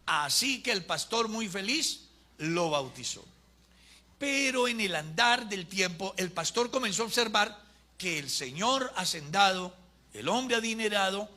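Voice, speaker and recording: A pastor preaching a sermon in a fairly high voice. His tone is strikingly bright and forceful. He tells stories and drives his points home with rising emphasis. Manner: storytelling preacher, builds to emphatic climaxes.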